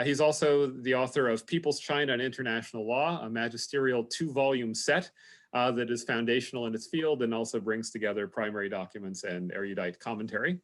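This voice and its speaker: Male, mid-pitched, measured speaker intro with frequent fillers, video call audio. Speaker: lecture introducer.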